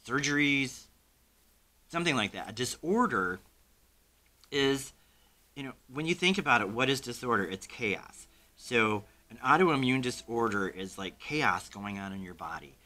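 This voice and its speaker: A man speaking in a casual health vlog, his voice bright and forward. He talks in a chatty, blunt way, dropping in frequent ums as he goes. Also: medium pitch. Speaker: vlogger.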